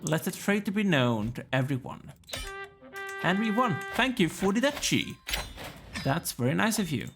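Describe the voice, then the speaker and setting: Man, gravelly voice, tired and yawning, casual game commentary, talks to the game. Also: high-pitched, big pitch swings, moderate pace, music in the background. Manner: musing aloud, chatty asides to the game. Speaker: let's play gamer.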